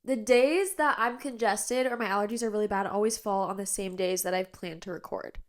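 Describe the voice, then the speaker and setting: This podcast host is a young woman in her twenties, talking casually from her bedroom into an iPad propped on a tripod. She has a mid-range voice and speaks a little fast. Her sound is a bit nasal and stuffy, her mood tired but bubbly, and fillers crop up constantly.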